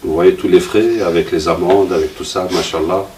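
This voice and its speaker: A man's voice: sits low, fairly even intonation, moderate pace. A man giving an informal religious talk. He tells a personal story, acts out the dialogue and asks rhetorical questions. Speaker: preacher. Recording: roomy, distant mic, faint noise.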